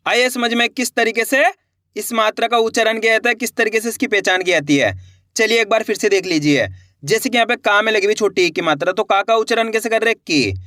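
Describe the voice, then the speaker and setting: A man from India patiently teaching a slow, step-by-step reading lesson, drawing out syllables and repeating each point. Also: sits high, sharp tone, no room sound, studio quality. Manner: patient, repetitive, drawn-out syllables.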